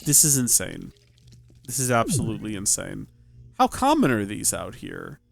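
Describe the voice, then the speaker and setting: Lively, wonder-struck man. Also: fairly low pitch, normal speed, vocal fry, faint music behind. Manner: animated, wonder-struck, thinks aloud with many questions. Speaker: Minecraft let's play host. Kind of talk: excited gameplay commentary.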